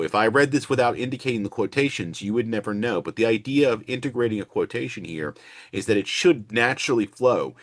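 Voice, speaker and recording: Guy teaching a walkthrough, lowish voice, explains and repeats key points, no room echo. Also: studio quality. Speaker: instructor. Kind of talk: instructional screen walkthrough lecture.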